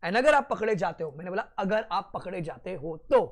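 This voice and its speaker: Animated male law lecturer. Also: high voice. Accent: Indian. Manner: animated, dictates notes slowly, then quick asides. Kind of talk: classroom lecture mixing Hindi and English.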